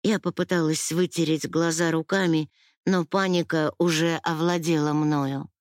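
A woman's voice: low voice, fairly even intonation, normal speed, no echo, studio quality. A woman reading a first-person audiobook in an emotional, intimate style. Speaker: audiobook reader.

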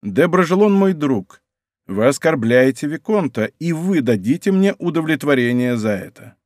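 A man's voice: fairly high pitch, sing-song, moderate pace, darkish tone, no room sound. Audiobook role: male reader as a proud English duke, lofty and challenging, dry close sound. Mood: haughty. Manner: haughty, lofty tone. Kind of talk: audiobook character voice.

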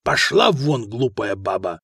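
A man voicing a fat, self-important noble magistrate who talks in a slow, bored, contemptuous drawl, in an audiobook. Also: medium pitch, very animated, vocal fry, a bit bright, slightly rough, dry recording, studio quality, voice pushed down, full character voice. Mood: bored contempt.

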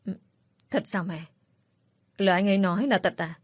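A woman's voice: mid-range voice, moderate pace, breathy edge, dry recording, studio quality, natural voice. A woman voicing an anxious young daughter who pleads tearfully with her mother in a read-aloud story. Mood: pleading.

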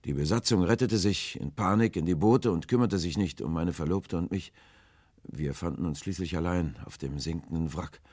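In an audiobook, a man with a low, darkish voice plays a frightened, starving old man. The character speaks in a halting, hesitant, sorrowful and hopeless way, and the studio-quality recording has no room sound.

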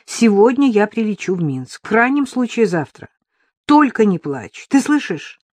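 A woman reading an excited loyal male friend. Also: mid-range voice, moderate pace, dry recording, pitched above the performer's own voice. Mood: caring. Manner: exclamatory, excited.

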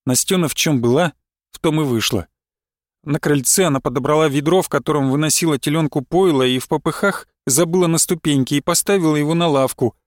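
A man narrating literary prose in a measured, expressive audiobook reading. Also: on the high side, no room sound, clean studio sound.

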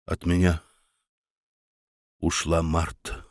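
A stubborn, wistful old baron who talks in a quiet, measured way, as a man reads him aloud. His lines come soft and unhurried. The recording is dry and close, with no room sound. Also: medium pitch, animated, no echo. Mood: quiet, sad. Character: aging male baron, calm, stubborn, wistful.

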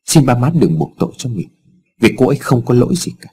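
A man voicing an earnest young son who pleads calmly and firmly, in a storybook reading. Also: medium pitch, fast talker, slightly rough. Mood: firm pleading. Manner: calm, firm and pleading.

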